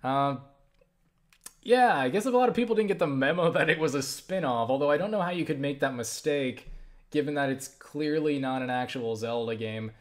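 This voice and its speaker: This is a young adult man at medium pitch and normal speed, answering his viewers' questions in an informal vlog. The delivery is rambling and sweary, energetic, and broken up by many restarts.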